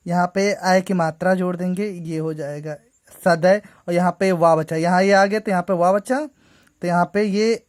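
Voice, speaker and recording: A woman's voice: on the low side, a little mellow. A woman teaching a grammar lesson to school students, patiently going through each step and repeating "ठीक है".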